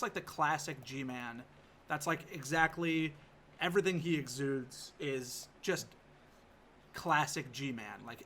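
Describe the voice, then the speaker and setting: A man's voice: on the high side, pushed and bright, a little hiss or hum. A man chatting casually as a tabletop game player, rambling and jokey, with hesitant stops and starts. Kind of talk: casual improvised chat.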